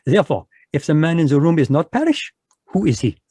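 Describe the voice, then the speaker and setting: With an exaggerated, sing-song delivery, a man takes on the role of a smug, fussy, middle-aged Belgian detective, faking a French accent for an old-time radio play, pompous yet polite throughout. His fairly high voice is warm and husky and runs a little fast. The audio has no echo and sounds studio quality, recorded on a video call microphone.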